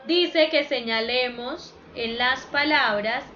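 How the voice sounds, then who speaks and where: Woman teacher, high bright voice, slow and patient, dull lo-fi call audio. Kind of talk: online grammar lesson for children.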